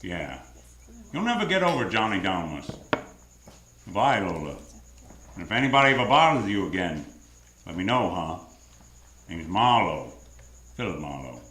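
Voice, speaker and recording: Deep-voiced 1940s private eye, echoey stage. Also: male voice, big pitch swings, normal speed, pauses often. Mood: gruff, gentle. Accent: American. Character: hardboiled 1940s private detective, world-weary, terse. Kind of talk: 1940s radio noir acting and narration. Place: live theater stage. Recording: echoey theater stage with live music. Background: loud live guitar music.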